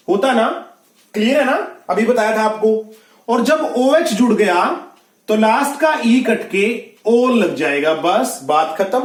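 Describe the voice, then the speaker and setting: Guy teacher going step by step, keeps asking if u got it, highish voice, echoey room. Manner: explains step by step, asks checking questions. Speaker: science teacher. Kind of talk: online class lecture.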